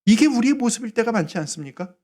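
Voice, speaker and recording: A man's voice: very high voice, lively intonation, fast talker, darkish tone. A male pastor preaching a Sunday sermon, acting out the prayers and words he quotes.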